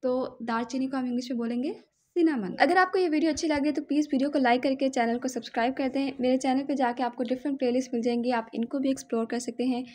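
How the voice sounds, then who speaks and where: A woman teaching a casual vocabulary lesson in a somewhat high voice. She explains patiently and keeps pausing to check in with the viewer. She repeats each word carefully so it can be copied. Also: fairly even intonation, darkish tone. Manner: patient, often checks in with "theek hai?"; repeats words slowly to model pronunciation. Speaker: language teacher and channel host.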